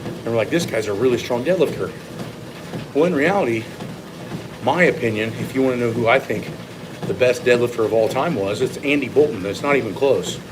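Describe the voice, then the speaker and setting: Over a noisy background, a former competitive lifter turned strength coach speaks fairly quickly in a medium-pitched voice. His training talk is casual and unplanned, blunt and opinionated, with some swearing thrown in.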